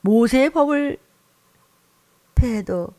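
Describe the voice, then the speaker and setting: A woman pastor preaching a sermon, swinging between loud scolding and hushed whispers. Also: on the high side, animated, takes it slowly.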